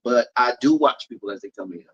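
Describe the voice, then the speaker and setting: This Polk County, Florida man, a comedian and event host, tells stories casually in an interview, animated and emphatic, riffing on the same bits again and again. His mid-range voice is fairly quick with a breathy edge, and the audio is dull.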